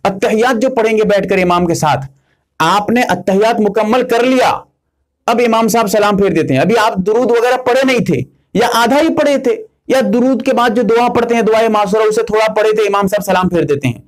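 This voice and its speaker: A man, an Islamic scholar, giving religious instruction in an earnest, emphatic way, repeating key points step by step. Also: sits high.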